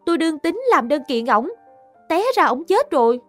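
A woman's voice: high voice, lively intonation, normal speed, soft background music. A woman playing a polite young woman who is accused of murder and answers an official deferentially. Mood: pleading. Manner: deferential, pleading.

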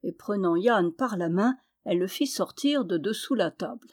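A woman reads a folk tale aloud as storyteller, with a measured, expressive delivery. Her voice sits at a middling pitch for a woman.

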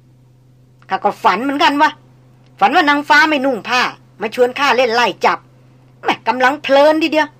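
A woman's voice: sits high, normal speed, pauses often, a bit bright, pitched above the performer's own voice. A woman voicing a blunt, jovial old male jungle hunter who talks in coarse folksy speech. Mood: gruff joking.

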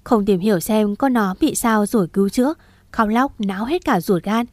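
A woman voicing a calm, gruff older father who curtly scolds his wife. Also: medium pitch, moderate pace, dry recording, close to an everyday voice. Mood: scolding. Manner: curt, scolding.

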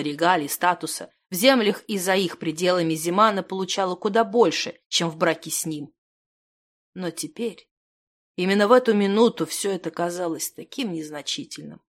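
A woman narrating a fantasy audiobook in first person, in a steady, measured reading. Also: lowish voice. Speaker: audiobook reader.

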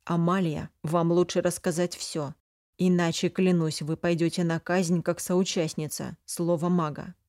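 A woman reading the lines of a stern, coldly calm male duke and mage in an audiobook. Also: fairly low pitch, measured pace, dry recording, clean studio sound. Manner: calm, cold, interrogating.

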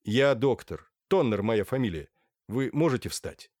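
A man voicing a brisk, curt doctor who gives orders in an audiobook. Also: medium pitch, animated, darkish tone, no room sound, clean studio sound. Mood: commanding. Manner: commanding, curt. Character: brisk decisive male doctor, middle-aged.

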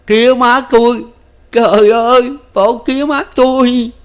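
A man voicing a bitter, wounded young peasant who cries out in a strained, high voice. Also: moderate pace, close to an everyday voice. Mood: anguished.

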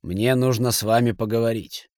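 A man's voice: medium pitch, steady tone, moderate pace, a little mellow, no echo, studio quality, natural voice. Man voicing a spiteful, nervous banker. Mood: tense.

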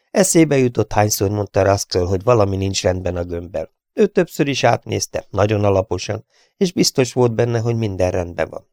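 Man reading a war audiobook, kinda low voice, dry close sound, dramatic but steady. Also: no echo. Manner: measured, dramatic storytelling with voiced characters. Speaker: audiobook narrator. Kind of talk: audiobook narration.

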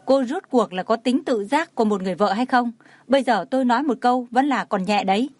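A woman's voice: a little high, fast, darkish tone, dry recording, close to an everyday voice. A woman reading the lines of a spiteful, mocking young rich woman in a story. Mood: angry. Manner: taunting, scornful.

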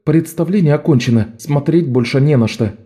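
A man voicing a bossy, sharp-tongued young girl thief who leads a gang of boys, scolding and commanding. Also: on the high side, fairly quick, voice pushed up, close to an everyday voice. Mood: brisk.

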